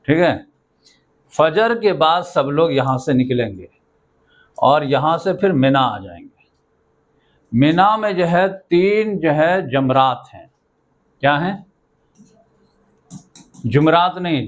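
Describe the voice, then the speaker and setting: Male teacher, fairly high voice; lecturing, asks questions, then answers them himself. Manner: quizzes listeners and answers himself; repeats checking "okay?" often. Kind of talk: classroom lesson with questions.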